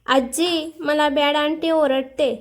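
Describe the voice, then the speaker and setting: A woman voicing a stubborn little girl who whines and shouts in tears while telling a story. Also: steady tone, slow pace. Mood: whining. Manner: shrill, whiny shouting.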